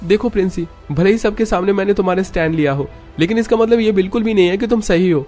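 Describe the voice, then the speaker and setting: A man's voice: sits high, animated, normal speed, a little mellow, faint music behind, voice pushed up. A man voicing a stern but loving young husband, lecturing in a raised voice. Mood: scolding.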